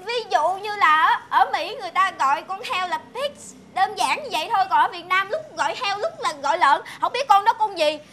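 Một người phụ nữ đóng vai cô cháu gái tuổi mười bảy hay chêm tiếng Anh, giọng nhõng nhẽo trong tiểu phẩm hài. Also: female voice, very high-pitched, lively intonation, a little fast, few pauses, sharp tone, a little hiss or hum, exaggerated voice. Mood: cheeky. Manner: whiny, mixes broken English into speech. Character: bratty teenage granddaughter mixing in English. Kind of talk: comedy sketch acting.

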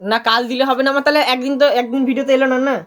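Young vlogger, teens, very fast chatty talk, slightly high voice, background music. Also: steady tone, a bit bright. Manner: rapid, chatty, with frequent restarts. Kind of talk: casual vlog talk to viewers.

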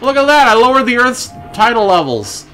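A man's voice: extremely high pitch, big pitch swings, a little fast, pushed and bright. A man doing joking, playful gameplay commentary with casual swearing and blurted sound effects. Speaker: gaming video host. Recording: game music behind the voice.

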